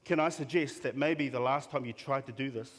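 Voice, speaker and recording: Earnest male pastor in a reverberant hall. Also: mid-range voice. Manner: earnest preaching with pauses and repeated phrases. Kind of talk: sermon. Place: church hall.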